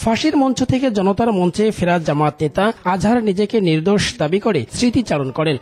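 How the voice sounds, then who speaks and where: A male TV news reporter reading a scripted voice-over in a steady, formal manner. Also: high voice, fast talker.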